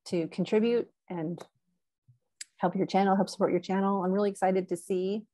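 A woman's voice: medium pitch, fairly even intonation, normal speed, mellow, dry recording. A woman chatting as a guest on a podcast, talkative and giggly, with lots of ums and likes. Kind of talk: casual conversational interview.

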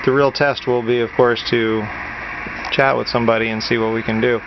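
Brisk and level in tone, this mid-range male voice belongs to an amateur radio hobbyist making a video of a how-to project, talking it through casually and matter-of-factly as he shows his work. It was recorded on a handheld camera's built-in mic, giving dull sound with clear hiss and hum.

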